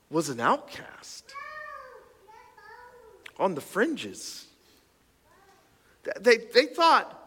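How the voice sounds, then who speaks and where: A man in his thirties preaching a casual sermon, joking and restarting, then building to loud emphatic passages. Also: sits high. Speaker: pastor. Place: church auditorium. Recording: long hall reverb.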